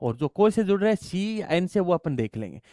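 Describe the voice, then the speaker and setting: High-voiced man teaching chemistry. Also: sing-song, brisk, warm tone, no room sound. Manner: explains step by step, asks students questions and answers them himself; addresses students affectionately as child. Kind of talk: classroom lecture.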